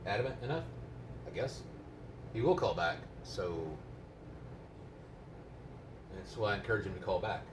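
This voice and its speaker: Low-voiced man, roomy and far from the mic. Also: expressive, brisk. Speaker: amateur GMRS radio operator. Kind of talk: casual, unscripted radio chat. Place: indoors at a home radio base. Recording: roomy, noisy, distant microphone.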